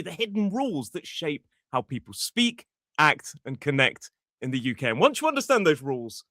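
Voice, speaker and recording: A British English teacher chats and explains things on a podcast, his voice sitting on the high side with a fairly bright tone and lots of jumping around. He has a toothache. The sound is dry and close, with no room sound.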